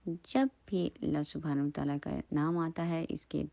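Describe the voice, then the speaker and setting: A woman teaching Quran recitation, going over each syllable slowly and patiently so students can copy her. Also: low-pitched, fairly even intonation, creaky, warm tone, dry recording. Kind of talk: slow tajweed lesson with modeled recitation. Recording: dry, dull lo-fi recording.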